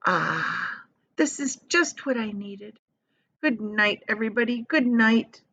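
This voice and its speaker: Woman doing a courtly old male grasshopper, drawn-out delivery. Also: on the high side, animated, pushed and bright, dry recording, lo-fi sound, heavily acted. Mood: grateful, sleepy. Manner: courtly, polite.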